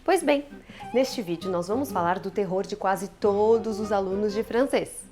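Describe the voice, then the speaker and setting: A woman with a Brazilian Portuguese accent teaching French numbers in an upbeat, playful online lesson, drilling each word slowly. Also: medium pitch, warm tone, soft background music.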